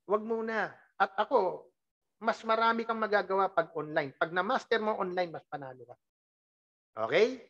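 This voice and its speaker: A network marketing team leader delivers an animated, emphatic motivational training talk, full of rhetorical questions, laughing as they tease the team. The voice is medium-pitched at normal speed with frequent pauses, and the audio is dull.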